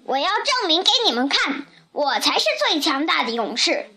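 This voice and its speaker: A woman voicing a huge, boastful male giant in a storybook, loud and blustering. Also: high voice, big pitch swings, moderate pace, full character voice. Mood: roaring.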